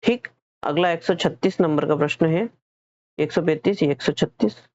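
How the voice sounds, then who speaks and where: A man's voice: fairly high pitch, moderate pace, darkish tone, muffled recording. A male teacher with a Hindi accent, explaining exam questions step by step, asking questions and answering them himself, often repeating and correcting his own words. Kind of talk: exam-prep lesson.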